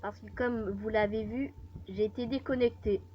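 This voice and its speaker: A woman hosting a gaming video, commenting casually and reading game text slowly with hesitant fillers, in a muffled lo-fi recording. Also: a little high, steady tone, slight background noise.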